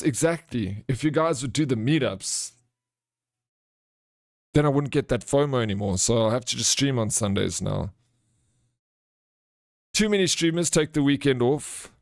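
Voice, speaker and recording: South african guy streaming, mid pitch, chatting to viewers all chummy and informal, really dry sound. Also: clear, resonant tone, no room sound. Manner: chummy, informal, calls viewers bro and friend. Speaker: livestream host. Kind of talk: casual livestream chat, reading out and answering viewer comments.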